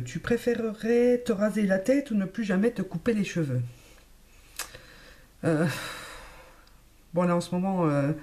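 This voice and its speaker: A woman vlogging casually to camera about beauty, chatty and hesitant, pausing often with fillers as she thinks aloud. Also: lowish voice, warm tone.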